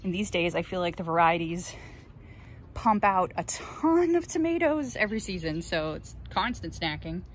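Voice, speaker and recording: A gardening vlogger in her thirties gives a casual, chatty tour of her garden, filmed outdoors on a handheld phone. Her voice is on the low side and very animated, moving at a moderate pace, and she tosses in cheerful asides. Outdoor ambient noise surrounds her.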